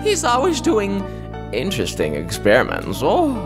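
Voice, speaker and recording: A gentle, motherly goat queen from a game , put on by a man, speaks in a stately, formal way. Her voice glides high and low. Game music plays behind her. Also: wildly swooping pitch, moderate pace, heavily acted. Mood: kindly.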